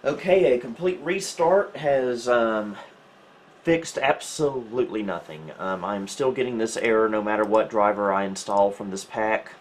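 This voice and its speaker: A man with a fairly low voice and a measured pace hosts a retro computing video indoors in a small room at home, with slight background noise. He thinks aloud through tech troubleshooting in a casual, wry way.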